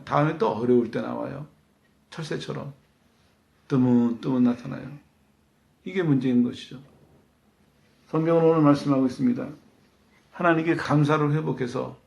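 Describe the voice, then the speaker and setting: Guy preaching a sermon, kinda high gravelly voice, asks the crowd questions, echoey church room. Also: a little mellow, highs cut off. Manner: conversational preaching, rhetorical questions. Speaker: pastor.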